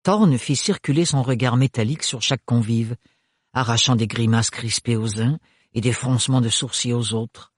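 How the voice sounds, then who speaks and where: A man narrating an audiobook in a measured, expressive reading voice, close to the mic. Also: medium pitch, husky, dry recording. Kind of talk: scripted narration.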